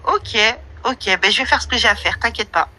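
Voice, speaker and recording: A woman's voice: on the high side, animated, fairly quick, sharp tone, slight background noise, low-quality recording. A woman hosting an online audio room, giving a brash, slangy, confrontational monologue. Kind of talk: casual monologue with listener questions.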